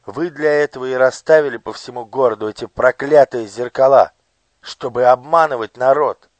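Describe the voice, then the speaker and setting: A man's voice: on the low side, no room sound, voice pushed up, lightly acted. A man voicing a starving young boy who pleads and protests earnestly in a storybook reading.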